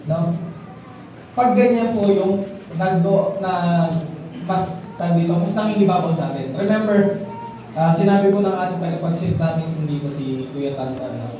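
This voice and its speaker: Man, church teacher, chatty sermon, high and mellow voice, distant mic, roomy reverb with faint ambience. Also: moderate pace, slight background noise. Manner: keeps asking listeners for agreement, relaxed and chatty. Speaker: church leader teaching a congregation. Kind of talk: conversational sermon. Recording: echoey, distant mic in a hall.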